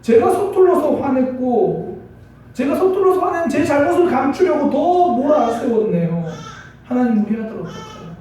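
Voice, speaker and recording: A man's voice: extremely high pitch, big pitch swings, moderate pace, warm tone, slight background noise, pitched above the performer's own voice. A male pastor voicing a grieving mother who pleads and repents in prayer, in a hall with heavy echo. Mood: tearful pleading. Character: grieving mother praying in tears. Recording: echoey church hall from far off.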